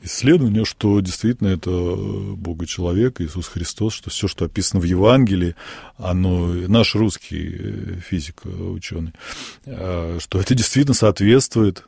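Low gravelly priest, husky and unhurried. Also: male voice, a little mellow, no room sound, clean studio sound. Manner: measured, thoughtful, many pauses and fillers. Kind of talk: radio discussion of church writings.

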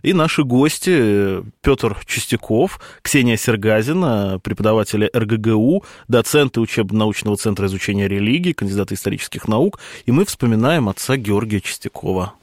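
A man hosting a studio radio talk show, calmly introducing guests with small hesitations. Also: on the low side, fairly quick, few pauses, dry recording. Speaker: radio host. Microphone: studio microphone.

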